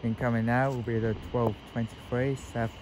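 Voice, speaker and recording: A man's voice: mid-range voice, level tone, moderate pace, noisy background. A man giving casual live train commentary on an outdoor railway platform. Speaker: trainspotting video host.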